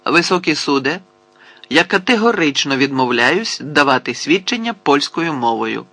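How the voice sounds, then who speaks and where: Brief: a man as a defiant defendant, proud and forceful. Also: fairly high pitch, big pitch swings, normal speed, no room sound, exaggerated voice. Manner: defiant, declaiming. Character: defiant male defendant on trial.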